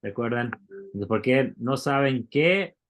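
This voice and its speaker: A man's voice: mid-range voice, animated, slow pace, slight background noise. A man teaching a Bible Greek class, explaining step by step and asking the students questions. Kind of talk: classroom lecture.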